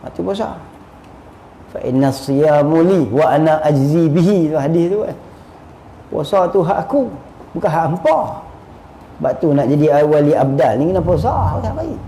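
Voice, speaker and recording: A male religious teacher speaks in a high, expressive voice that swoops up and down. He explains texts in a traditional lesson and acts out little dialogues. The room rings with echo over a faint hiss. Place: religious school hall. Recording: echoey room with faint noise.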